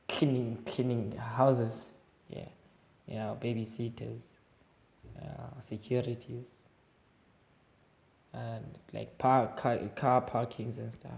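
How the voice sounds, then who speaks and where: A man's voice: medium pitch, gravelly, darkish tone. A young South African man with an Eastern Cape accent, giving his opinions in a casual, rambling vlog monologue full of fillers and restarts. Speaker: vlogger.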